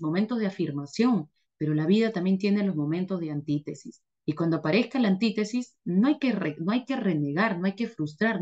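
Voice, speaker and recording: A woman teacher lectures emphatically, hammering each point through repetition and rhetorical questions. Her voice is mellow and dark-toned, in a mid register. The recording is dull and lo-fi. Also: mid-range voice. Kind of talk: motivational lecture.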